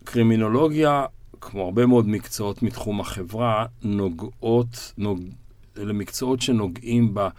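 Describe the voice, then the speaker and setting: A man hosting an interview, asking reflective questions in measured, drawn-out phrases with stammered restarts. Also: on the low side, a little mellow, no room sound. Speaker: interview host.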